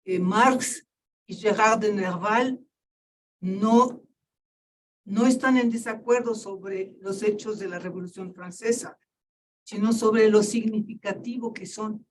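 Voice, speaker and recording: A woman's voice: medium pitch, slow pace. An older woman speaking in a seminar, giving a thoughtful talk and often repeating words while she searches for them. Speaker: invited lecturer. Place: seminar room. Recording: distant mic with faint noise.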